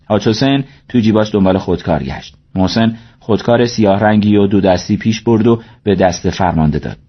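Low-voiced man reading a story. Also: breathy edge, muffled recording. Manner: steady, measured reading. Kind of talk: audiobook narration.

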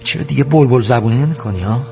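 An actor playing a smug police interrogator who calmly presses and taunts a suspect. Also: male voice, medium pitch, vocal fry, soft background music, lightly acted. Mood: taunting. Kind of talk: TV drama acting.

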